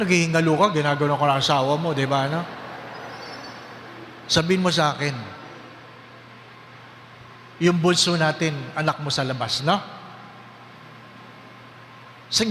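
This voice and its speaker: A man's voice: a little high, a bit bright, big-room sound, a little hiss or hum. A priest preaching a sermon with humor, putting on the voices of people in his stories and asking the congregation questions. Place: church.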